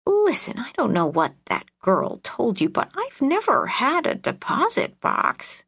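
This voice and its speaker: A cranky, hard-of-hearing old woman, voiced by a woman reading an audiobook, raspy and scornful. Her voice jumps far above the narrator's own. The sound is close and dry, with no room around it. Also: high voice, wildly swooping pitch, unhurried, fairly bright tone, dry recording, voice pushed up, exaggerated voice. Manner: gruff, suspicious, scornful.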